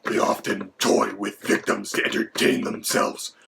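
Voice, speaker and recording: A man voicing a menacing male dragon who co-hosts, with a gravelly, whispery voice. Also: fairly low pitch, unhurried, a bit bright, heavily acted. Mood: matter-of-fact. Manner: mock-menacing, then lecturing in turn with the host. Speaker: co-host. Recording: background noise.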